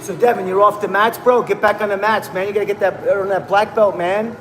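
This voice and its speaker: A high-voiced man with a steady tone and fairly quick delivery hosts a casual livestream, hyped and slangy, calling viewers "bro" and "man." The background is noisy, the room echoes, and music plays.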